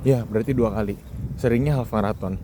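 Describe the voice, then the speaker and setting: Speaking fast in a fairly low voice, a man around thirty (20s or 30s) hosts a solo podcast while out walking on a street. He rambles casually and keeps asking rhetorical questions, with passing vehicles and ambient traffic clearly audible.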